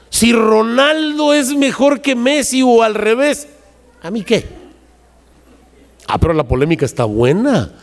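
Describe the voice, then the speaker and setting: A man preaching a sermon in a lively, storytelling way, acting out the voices of the people in his stories. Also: fairly high pitch, vocal fry. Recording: long hall reverb.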